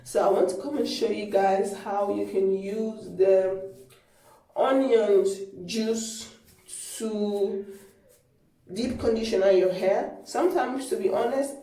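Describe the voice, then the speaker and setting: A woman talks casually to her viewers in a loose, rambling way, full of fillers and restarts. Her voice is soft and mellow. The sound is a low-quality phone stream that bounces around a small bathroom and is picked up from a distance. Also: echoey room. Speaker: hair care vlogger. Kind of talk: casual how-to vlog. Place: small echoey home bathroom. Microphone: mobile phone camera.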